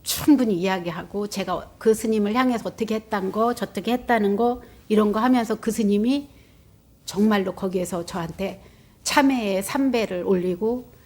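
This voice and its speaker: A woman Buddhist nun giving a dharma talk, telling a personal story in a lively way, acting out quotes with gasps. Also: medium pitch, normal speed. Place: meditation center.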